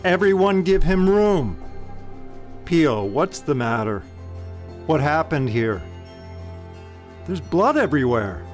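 An actor playing a calm, protective head of a monastery in an audio drama, speaking in a measured, reassuring way. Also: male voice, mid-range voice. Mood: alarmed. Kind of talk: dramatized audio story acting. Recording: loud music under the voice.

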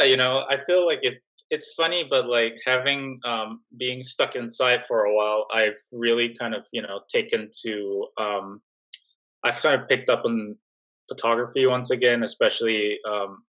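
A young adult man from Singapore, speaking as a guest in a casual interview, relaxed and full of fillers and restarts. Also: mid-range voice, a little slow, lo-fi sound. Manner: relaxed, many fillers and restarts, laughs softly. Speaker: job-seeking guest.

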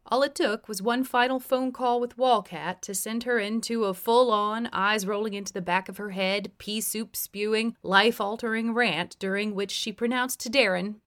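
A woman narrates her memoir as an audiobook, telling it in a wry, blunt way. Her voice sits at a middle pitch for a woman. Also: steady tone, moderate pace, hardly any pauses, a bit bright.

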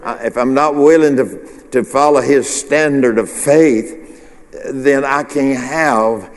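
Speaking slowly at a medium pitch, a man who pastors a church delivers a casual midweek sermon in the sanctuary. He rambles, restarts, and asks the congregation questions in call-and-response style, all under a long hall reverb.

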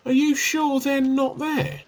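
In a radio play comedy, a male actor voices an evasive, sheepish husband with a dry wit, sounding hesitant and teasing. His pitch is extremely high, his delivery flat, and he takes it slowly.

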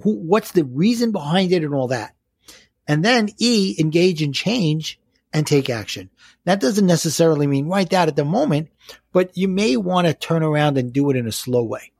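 A man's voice: fairly high pitch, expressive, moderate pace, creaky, darkish tone, husky, no room sound, clean studio sound. A man with a Brooklyn accent talking as a life coach in an interview, explaining step by step with rhetorical questions. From Brooklyn, New York.

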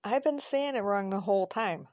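A woman voicing an easygoing young man who is new to the city, in a relaxed, wry conversational way. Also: mid-range voice, normal speed, dry recording, studio quality, close to an everyday voice.

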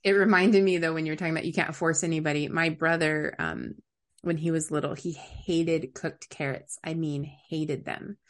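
Lady podcast host, lower voice, chatty, laughs a lot. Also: moderate pace. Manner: chatty, laughs often, animated when quoting people. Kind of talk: casual interview chat.

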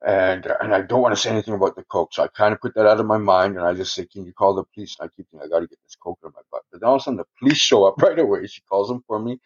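Low-voiced man, profane rambling story. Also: rapid-fire, hardly any pauses, breathy edge. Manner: profane, rambling, chuckles often. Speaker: guest telling a personal story. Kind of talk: casual podcast storytelling. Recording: dull lo-fi recording.

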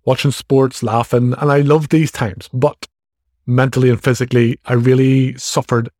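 An Irish man in his forties hosts his own podcast, delivering a casual solo monologue in a frank, chatty, self-deprecating way. His mid-range, slightly mellow voice moves little in pitch at a normal speed, captured in a dry, studio-quality recording.

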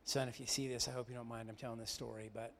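A middle-aged pastor preaching a sermon. He moves between loud, emphatic declarations and quiet, confiding storytelling. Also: mid-range voice, level tone, fast, slight background noise.

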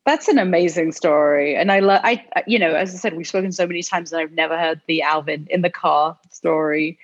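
Lo-fi woman interviewer, lowish voice. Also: brisk. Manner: warmly encouraging with small restarts. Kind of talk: conversational interview.

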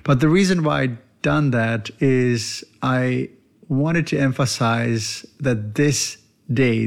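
A man's voice: mid-range voice, gravelly. Earnest man hosting a podcast. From Czech Republic. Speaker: veterinarian and podcast host. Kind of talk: podcast monologue.

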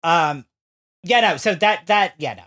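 This woman, in her thirties, co-hosts a podcast recapping reality TV, her low voice unhurried, fairly bright and lively in intonation. The chat turns into a rant, heavy on profanity and acted-out lines.

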